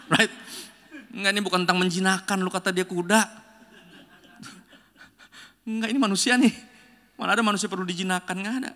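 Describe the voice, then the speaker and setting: A man preaching a sermon with a bright, forceful edge to his voice that sits a little high for a man. He keeps it loose and playful, slipping into slang and acting out little quotes as he goes. He sounds like a pastor telling stories to drive his point home. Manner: joking, slangy storytelling with acted-out quotes.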